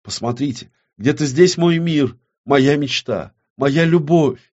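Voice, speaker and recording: A man's voice: a little high, takes it slowly, darkish tone, lo-fi sound, pitched above the performer's own voice. Man voicing a pleading desperate witch. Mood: yearning. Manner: pleading, breathless, raised voice.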